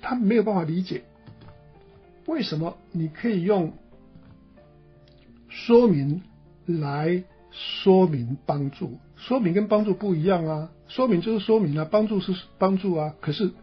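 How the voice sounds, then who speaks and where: A man's voice: high-pitched, a little slow, slightly rough, muffled recording, soft background music. A middle-aged man from Taiwan with a Taiwanese Mandarin accent, giving a spoken lecture in a loose, digressive way, full of filler particles. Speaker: teacher.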